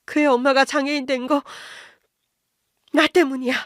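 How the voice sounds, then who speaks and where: A woman's voice: high voice, flat delivery, normal speed, fairly bright tone, dry recording, studio quality, pitched above the performer's own voice. Woman playing a strong-willed middle-aged wife. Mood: anguished.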